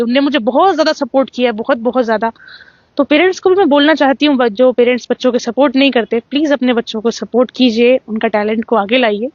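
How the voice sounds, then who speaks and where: A young woman from Jammu, a singer being interviewed, telling her story in a lively way and acting out what the judges said. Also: fairly high pitch, dry recording, muffled recording. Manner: animated storytelling, acts out quoted judges. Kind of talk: casual interview.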